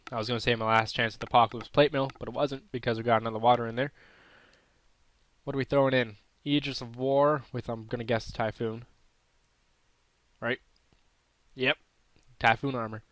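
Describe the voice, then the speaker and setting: A man's voice: medium pitch, fairly even intonation, fairly quick, long pauses, a bit bright, no echo. A man with a throat irritation giving casual, unsure, self-correcting commentary while playing a mobile game. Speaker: gaming channel host.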